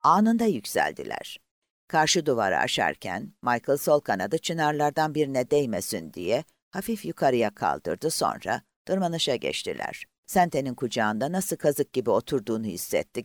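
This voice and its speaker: A man's voice: medium pitch, sing-song, normal speed, no room sound, studio quality. A man narrating an audiobook expressively and voicing the characters himself.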